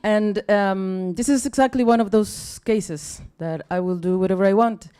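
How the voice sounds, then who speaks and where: Speaking to a live audience in a bar or event room, a young Mexican woman gives a casual, self-deprecating talk as the guest at a science night. English is her second language and she has a Spanish accent; she sounds tired, chatty and apologetic, restarting often and using many fillers. Her voice is mellow and clean-toned, medium in pitch, at a moderate pace.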